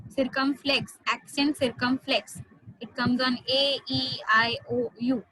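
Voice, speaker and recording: Indian woman French tutor, high voice, slow and patient, mixes in Hindi. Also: fairly even intonation, bright, forceful tone, a little hiss or hum, rough recording. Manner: explains slowly, switches into Hindi, spells words out. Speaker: French teacher. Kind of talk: online class teaching.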